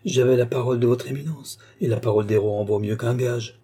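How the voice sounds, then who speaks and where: A man voicing a suave, mysterious count who speaks with smooth, polite assurance in an audiobook. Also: mid-range voice, steady tone, fast, mellow, close to an everyday voice. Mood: assured.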